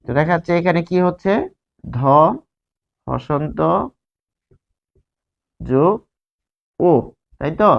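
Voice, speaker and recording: A man teaching a grammar lesson at a board, spelling words out slowly and answering his own questions. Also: a little high, vocal fry. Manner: asks questions and answers them himself. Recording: dull lo-fi sound.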